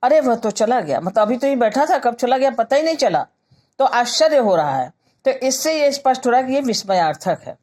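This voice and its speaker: In a patient grammar lesson, a Hindi-accented woman reads example sentences slowly, then unpacks each one. Her pitch is fairly high, her delivery very animated, and her tone a little mellow.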